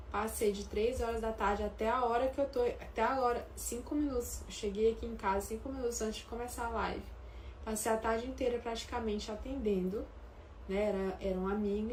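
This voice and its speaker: With slight background noise behind her, a woman speaks in a medium-pitched, somewhat mellow voice and a Brazilian Portuguese accent. She's a therapist hosting a casual home live stream, telling personal stories full of hesitations and tag questions.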